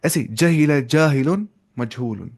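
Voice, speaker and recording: A man's voice: a little high, a little slow, creaky, a little mellow. A young man teaching an Arabic grammar class to students, explaining each step, asking questions and mixing in English terms.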